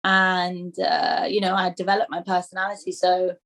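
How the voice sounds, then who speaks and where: A woman in her twenties from England, a dental student, talking casually in an interview, full of fillers and quick to laugh at herself. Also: on the low side, monotone, fairly bright tone. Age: 20s. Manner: chatty, filler-heavy, self-deprecating and laughing often.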